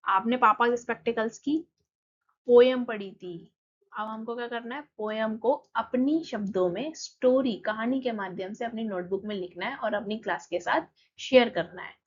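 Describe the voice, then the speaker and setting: A woman teacher with an Indian accent patiently walking students through textbook exercises, reading English lines aloud slowly and explaining them. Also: a little high, breathy edge. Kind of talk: exercise walkthrough lesson. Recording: slightly dull lo-fi recording.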